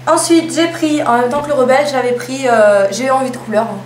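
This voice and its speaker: Young woman, casual haul chatter, playful asides, slightly high voice, roomy echo. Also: brisk. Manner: chatty, self-mocking asides. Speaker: beauty vlogger. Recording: echoey room with faint hum.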